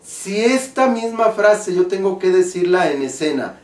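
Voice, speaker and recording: A man with a Mexican accent, an acting teacher explaining stage diction slowly and deliberately. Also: high voice, expressive. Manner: slow, deliberate, carefully articulated explanation. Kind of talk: spoken lesson on stage diction. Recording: roomy, from a distance.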